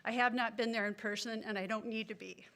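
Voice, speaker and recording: A woman's voice: fairly high pitch, steady tone, brisk, a bit bright. A woman giving public comment at a city council meeting, indignant and earnest, speaking into a podium microphone. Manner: indignant, earnest, apologetic asides.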